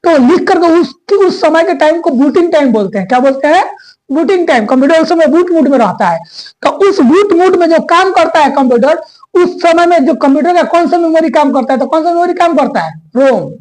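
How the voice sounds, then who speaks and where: A woman's voice: very high-pitched, expressive, brisk, darkish tone, rough recording. A woman teaching a computer lesson. She asks questions and answers them herself, repeating each key term. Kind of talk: explanatory classroom lesson.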